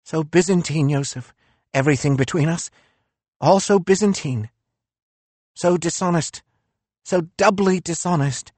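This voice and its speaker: A man's voice: a little high, unhurried, pauses often, darkish tone, no echo, voice pushed up. A man voicing a proud male philosopher weakened by a migraine, intense and accusing in a weak voice. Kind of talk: audiobook character voice.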